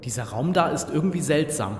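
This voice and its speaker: A man's voice: on the high side, animated, brisk, a little hiss or hum, lightly acted. A man playing an earnest, determined adventurer-archaeologist hero in a fan film, speaking matter-of-factly. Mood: puzzled. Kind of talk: amateur film dub acting. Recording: echoey, loud film music behind.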